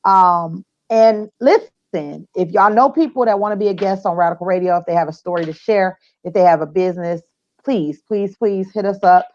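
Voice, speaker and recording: A woman's voice: fairly low pitch, normal speed, a little mellow, muffled recording. A woman hosting a podcast, chatting casually with upbeat, slangy hype as she wraps up the show. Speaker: podcast host. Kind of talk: casual show wrap-up chat.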